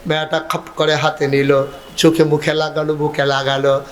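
A man preaching at a religious gathering, telling a story in a sing-song sermon manner with sudden high rises. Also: level tone, moderate pace.

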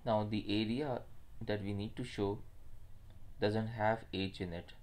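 A man's voice: fairly low pitch, steady tone, measured pace, darkish tone, a little hiss or hum. A man with a Pakistani accent explains a maths problem step by step as a teacher, mixing Urdu phrases into his English.

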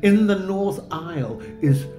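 A man narrating a tour of an old parish church in a measured, explanatory way, with gentle enthusiasm. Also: sits high, animated, reverberant, soft background music. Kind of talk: unhurried documentary narration.

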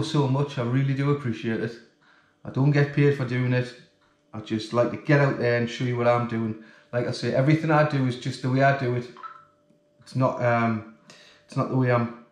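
A man's voice: medium pitch, a little mellow. Chatty man vlogging in a roomy house. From England. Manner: chatty and grateful, plain-spoken. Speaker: fishing channel host. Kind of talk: casual vlog talk to camera. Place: home kitchen, then living room, indoors. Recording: roomy home acoustics.

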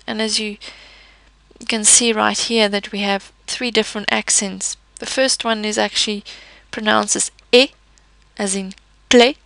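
A woman's voice: mid-range voice, little pitch movement, normal speed, creaky, bright, forceful tone, no room sound, poor audio. A woman teaching a pronunciation lesson, patiently explaining each letter with example words. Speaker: language teacher. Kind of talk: slow, careful pronunciation lesson.

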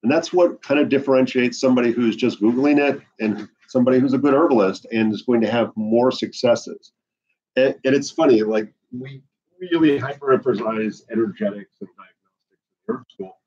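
A middle-aged man from the Bahamas lectures an herbalism class with animated, restless energy. His voice is a bit husky and sits mid-range. It comes through a floor camera in a classroom, with dull, lo-fi sound. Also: medium pitch, a little fast. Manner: animated, gesturing a lot while pacing. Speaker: herbalism teacher. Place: indoor classroom with whiteboard. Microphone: far camera on the floor.

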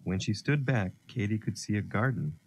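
A man narrating a children's story, gentle and expressive. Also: lowish voice, normal speed, slight background noise.

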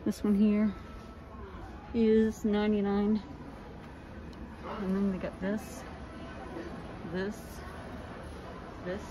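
A woman with a mid-range voice speaks very slowly and levelly, with long pauses, as she vlogs her walk through a large store. She films on a handheld phone, pointing out prices casually over the noisy store background.

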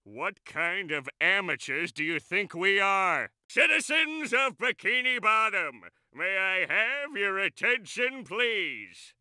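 An actor playing Plankton, a tiny scheming male villain in a video game, boasting grandly and breaking into shouts. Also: high voice, lively intonation, slow, hardly any pauses, smooth, no room sound, full character voice. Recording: dry studio recording.

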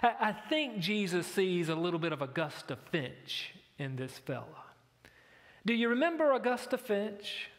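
A man's voice: sits high, sing-song, normal speed, a bit bright. A man preaching a sermon, telling a story and building to emphatic questions. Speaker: pastor. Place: church sanctuary. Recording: echoey church sanctuary.

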